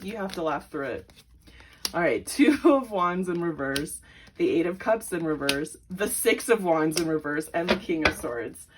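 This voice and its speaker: A woman's voice: on the low side, noisy background. A woman giving a tarot reading to her viewers, chatty and full of "like", breaking into frequent giggles. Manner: chatty, filler-heavy with repeated "like". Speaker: tarot reader.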